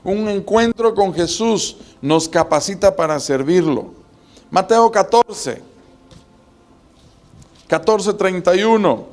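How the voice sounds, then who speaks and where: A man's voice: high-pitched, expressive, takes it slowly, pauses often, a little mellow. A man preaching a sermon as pastor, building emphasis with rhetorical questions.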